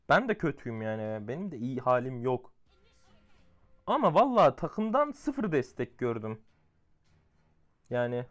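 A young man giving casual commentary over his own mobile gameplay, excitable, going from muttered grumbling to shouted outbursts. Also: medium pitch. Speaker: gamer playing a mobile game.

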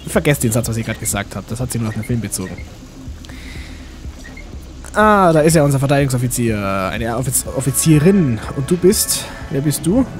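A man hosts a let's play in a very animated, mid-pitched voice. He chats casually and rambles to himself and to the characters, with game music clearly behind him. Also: a little fast.

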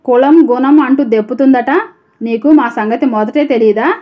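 A woman voicing a haughty, quarrelsome middle-aged mother with loud, scornful retorts. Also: sits high, normal speed, lightly acted. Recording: dull lo-fi audio.

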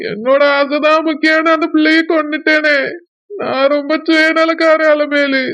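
A woman's voice: sits high, fairly bright tone, no room sound. A woman voicing a young village husband with a Kanyakumari accent, pleading and blaming himself in a village drama. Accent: Kanyakumari Tamil. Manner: pleading, self-blaming lament. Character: young village man, remorseful, tender to wife.

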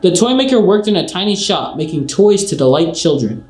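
A man's voice: sits high, very animated, brisk, a little mellow. A young man doing casual let's play commentary and reading story text aloud. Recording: roomy echo, game music behind.

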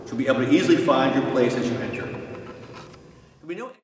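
An older man, a parish pastor, calmly walking listeners through a church ceremony in plain terms, often restarting his phrases. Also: mid-range voice, brisk, slight background noise. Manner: calm, plain explaining with frequent restarts. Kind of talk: instructional walkthrough. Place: large empty church. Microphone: far camera. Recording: echoey church from far off.

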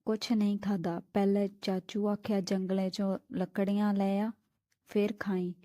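A frightened little orphan boy sniffles through his words, slow and soft, as a woman reads him. The voice is mellow and level, and the recording is close and dry. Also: medium pitch, little pitch movement, no echo, lightly acted. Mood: tearful. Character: frightened orphan boy about nine, tearful.

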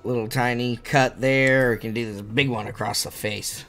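A man's voice: medium pitch, fairly even intonation, normal speed, fairly bright tone, soft background music. A man giving casual live-stream commentary while playing a game, swearing freely. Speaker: gaming streamer.

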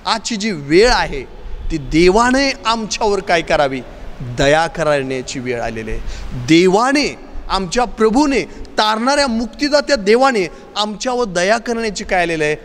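High-voiced preacher in a reverberant church. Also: male voice, lively intonation, normal speed, a bit bright. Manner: repetitive, emphatic pleading refrains. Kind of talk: sermon.

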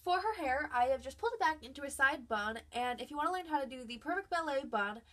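Talking fast in a high-pitched voice that's pushed and bright, a young woman with a cold shows her dolls' outfits in a scripted voice-over. She's a doll collector vlogger, and her delivery is chatty and upbeat with lively intonation.

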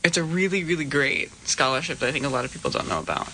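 Student guest, young man, crisp bright tone, thoughtful and articulate. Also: a little high, big pitch swings, racing, slight background noise, poor audio. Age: young adult. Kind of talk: casual radio interview. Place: campus radio studio.

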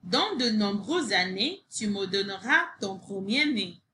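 A woman voicing a sly little man in a storybook, speaking slowly in a lowered voice. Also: expressive, bright, forceful tone, a little hiss or hum.

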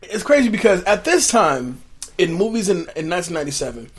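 A man co-hosting a casual movie recap chat, easygoing and agreeable, often trailing off quietly. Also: high-pitched, big pitch swings, fairly quick, husky. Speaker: co-host of a movie recap show.

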